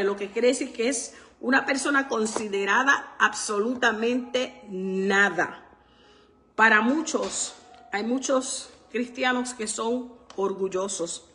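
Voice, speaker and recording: A woman's voice: on the high side, fairly bright tone. Fervent woman preaching on the radio. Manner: fervent, repeats "bendito sea el Señor" often; asks the listeners "¿verdad?" and addresses them directly. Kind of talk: radio sermon.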